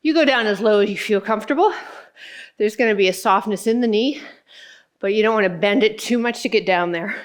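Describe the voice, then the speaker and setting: A woman's voice: mid-range voice, brisk. A woman fitness instructor coaching a workout, counting out moves and giving short, encouraging cues.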